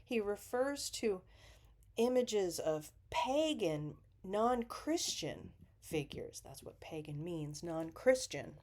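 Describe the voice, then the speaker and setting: A woman teaching a poetry lesson, explaining patiently with deliberate emphasis. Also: medium pitch, expressive, a little mellow.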